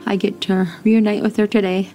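A woman's voice: medium pitch, level tone, brisk, dark tone. A woman in an interview speaking in an eager, heartfelt way. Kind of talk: emotional interview. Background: music bed.

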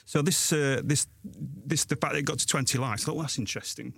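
A gravelly, somewhat bright mid-range voice with a breathy edge comes from a Sheffield man in his forties, talking a little fast as a guest author and blogger. His South Yorkshire-accented interview chat is casual, rambling and self-deprecating with frequent restarts, in studio quality without room sound.

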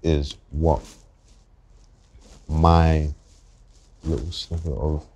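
A man in his twenties with a London accent, a guest on a podcast interview, talking reflectively and haltingly and often restarting his thoughts. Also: rumbling low, steady tone, a little mellow, husky, muffled recording. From England. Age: 20s. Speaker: guest rapper.

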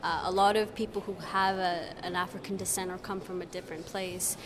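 A woman's voice: lowish voice, level tone, fairly quick, background noise. A young woman from Canada answering interview questions in a hesitant, casual way, full of ums and uhs. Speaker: festival visitor interviewed. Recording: crowd chatter at a festival.

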